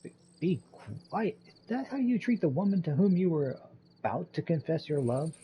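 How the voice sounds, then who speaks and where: Man playing a teasing young woman, scolding, mellow voice. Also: fairly low pitch, lively intonation, unhurried, slight background noise, voice pushed down.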